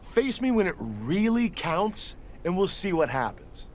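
An arrogant young wrestler in a video game sneers with a high, lively voice. He sounds dismissive and condescending. A faint hiss sits behind him. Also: slow pace, full character voice.

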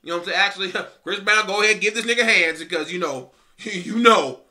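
A young man hosting a music reaction, talking casually in an animated, profane way and laughing often. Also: high-pitched, fairly quick.

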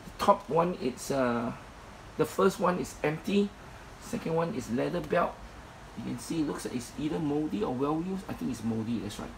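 Man, matter-of-fact seller, fry in the voice, faint background noise. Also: on the high side, lively intonation, moderate pace, rough recording. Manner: plain, matter-of-fact listing with many fillers. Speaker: storage unit seller. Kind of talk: walkthrough commentary. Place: indoor storage unit. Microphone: phone camera held in hand.

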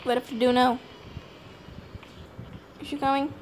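A woman's voice: high-pitched, little pitch movement, unhurried, darkish tone. A woman giving casual gameplay commentary as a scared horror game streamer, jumpy, exclaiming and swearing freely. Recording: clearly noisy home gameplay recording.

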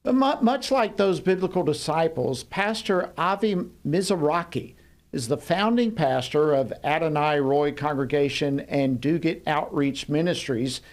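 A man's voice: fairly high pitch, unhurried. A man in his sixties hosting a talk show from a studio, courteous and polished in his delivery. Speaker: host. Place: TV studio, indoors. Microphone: desk microphone.

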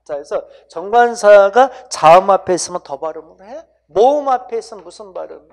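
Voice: mid-range voice, animated, fairly quick, darkish tone. An English grammar teacher giving an exam-prep lecture in casual speech, coaxing students to repeat sounds and constantly checking in with "right?". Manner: casual banmal, keeps asking students "right?".

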